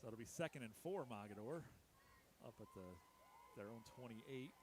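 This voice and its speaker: A man calling a local high school football game play by play, chatty and joking at his own expense, his voice jumping up on big plays. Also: animated, normal speed. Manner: jokey, chatty, laughs at himself, rises sharply on big plays. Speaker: play-by-play announcer.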